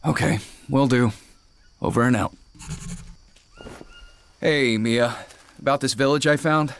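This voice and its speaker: A man's voice: mid-range voice, slow, clean tone. An actor voicing a confused man stranded in the jungle in a video game, talking urgently with someone over a radio. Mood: wary. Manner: shaken, urgent, searching.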